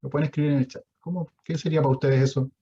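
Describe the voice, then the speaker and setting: Husky Chilean man teaching online. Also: on the high side, steady tone, racing, warm tone, lo-fi sound. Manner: explanatory, asks the audience questions. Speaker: sign language instructor. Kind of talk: online lecture.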